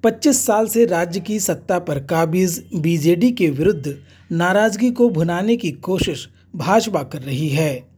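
A news anchor reads the bulletin in a steady, formal way. The voice is warm and mellow with a slightly husky edge. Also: mid-range voice, unhurried. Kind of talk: scripted news narration.

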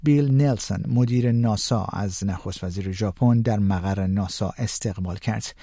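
A man reading the news as an anchor, in a measured, even newsreader delivery. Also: fairly low pitch, no echo, clean studio sound.

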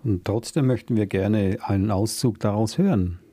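A man hosting a radio book talk, chatty and relaxed, with fillers and restarts. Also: lowish voice, moderate pace, no echo, clean studio sound. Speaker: radio book show host.

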